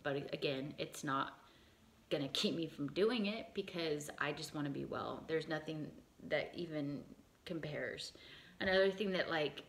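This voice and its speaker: A woman's voice: sits low, measured pace, a little hiss or hum. A woman in her late thirties talking candidly in a casual personal vlog, rambling with lots of fillers and restarts. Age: 30s. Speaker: vlogger.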